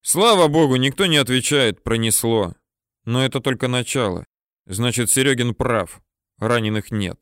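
A man narrates a novel as an audiobook in a steady, mid-pitched voice. He builds tension at dramatic moments. The sound is dry and close, with no room echo. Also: moderate pace.

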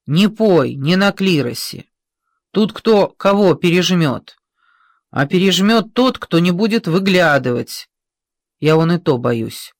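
A reader doing a blunt steady soldier. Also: medium pitch, slow, no echo, studio quality. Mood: calm, blunt. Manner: calm, blunt, commanding. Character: steady, gruff soldier driving an armored train. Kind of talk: audiobook character reading.

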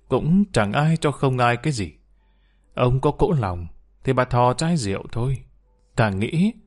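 A man narrating a scripted story in an even, dramatic storytelling manner. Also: medium pitch.

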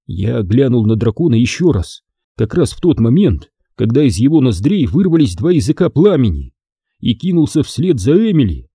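Dark-voiced, husky male storyteller. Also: mid-range voice, moderate pace, dry recording, studio quality. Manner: expressive, dramatic reading. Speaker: audiobook narrator. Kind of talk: first-person story narration.

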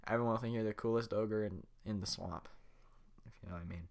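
A man's voice: on the low side, steady tone, quick pace. A man hosting a podcast, reading a script aloud in a casual, joking way with offhand asides. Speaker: podcast host.

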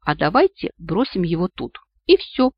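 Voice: mid-range voice, very animated, normal speed, no echo, lo-fi sound. A reader doing a courtly male talking mouse. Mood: polite. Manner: courtly, polite. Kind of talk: audiobook character voice.

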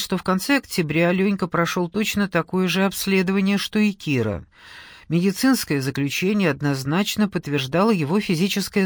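Male audiobook narrator, measured and steady, slightly high-voiced, dry recording. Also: no room sound. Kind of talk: scripted narration.

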